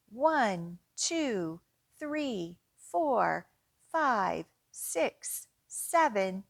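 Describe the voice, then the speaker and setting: A children's librarian leads storytime for young children in a medium-pitched voice, reading slowly and expressively. She guides them along with encouraging, clearly teacherly direction.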